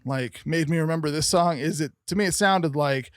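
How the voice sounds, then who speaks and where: Chatty higher-voiced man reviewing an album. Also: normal speed, smooth, dry recording, studio quality. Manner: rambling, with many "um" and "like" fillers. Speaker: podcast co-host. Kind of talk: casual album review chat.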